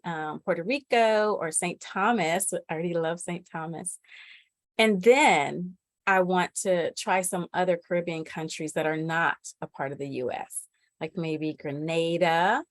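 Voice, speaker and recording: A woman's voice: medium pitch, dry recording. A woman hosting a meeting in a conversational style, talking about her plans and introducing guests. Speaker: host.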